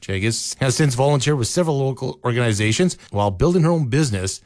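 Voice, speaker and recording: Dry steady male news anchor. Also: mid-range voice, dry recording. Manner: steady measured news delivery. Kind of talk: scripted local newscast. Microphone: close studio mic, dry.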